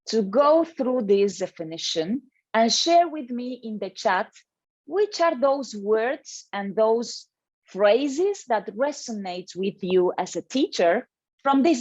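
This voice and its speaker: A woman's voice: medium pitch, darkish tone, no room sound, dull audio. A woman presenting an educational webinar to teachers over a video call, earnest and emphatic, reading participants' names from the chat.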